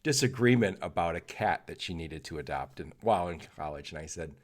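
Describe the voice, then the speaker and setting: A middle-aged man hosts a podcast interview in a loose, joking way, full of "uh"s and restarts. His voice sits a little low. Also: expressive, brisk. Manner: chatty and joking, with frequent fillers and restarts. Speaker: podcast host. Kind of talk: casual interview chat.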